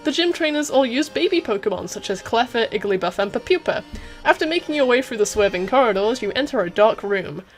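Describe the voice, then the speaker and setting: A woman's voice: on the high side, animated, fairly quick, soft background music. A woman reading scripted narration for a game story.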